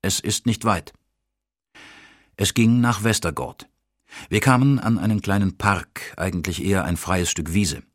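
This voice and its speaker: Husky deep male audiobook narrator. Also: normal speed, dry recording, studio quality.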